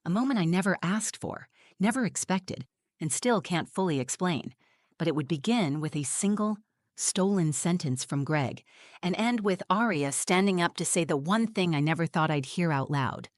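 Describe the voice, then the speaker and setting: A woman in her forties tells a scripted story in the first person, her delivery measured and reflective. Her voice sits fairly low. The sound is close and dry, with no room around it. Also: expressive, no echo. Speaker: narrator.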